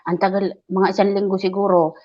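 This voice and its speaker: A woman casually telling a story, animated, acting out what people said and laughing often. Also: fairly quick. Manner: animated, acts out quoted lines in a higher voice, laughs often. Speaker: live stream guest telling a story. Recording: dull lo-fi live stream audio.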